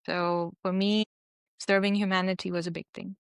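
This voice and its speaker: Guest: woman, chatty and animated, smooth clear voice, dry close sound. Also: mid-range voice, normal speed, dry recording. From Pakistan. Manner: chatty, animated, many "you know" fillers. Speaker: interview guest, physician and mountaineer. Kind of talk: casual interview storytelling.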